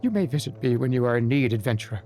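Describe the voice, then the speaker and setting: A man's voice: medium pitch, lively intonation, racing, warm tone, faint music behind, lightly acted. Aged forest maiden, read by a man: solemn, mysterious, storybook fantasy game.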